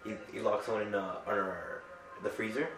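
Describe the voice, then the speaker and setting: A young man with a fairly low voice tells crude, laughing stories in loose chat among friends. He sounds distant from the mic, in a roomy, echoing space. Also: steady tone, brisk. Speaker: pizza shop worker.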